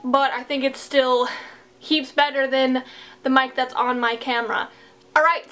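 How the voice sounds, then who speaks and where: A woman's voice: high-pitched, fairly bright tone. A young woman chatting casually while doing her makeup at home, rambling and self-deprecating, into a desk microphone. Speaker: streamer and vlogger. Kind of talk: casual get-ready-with-me chat.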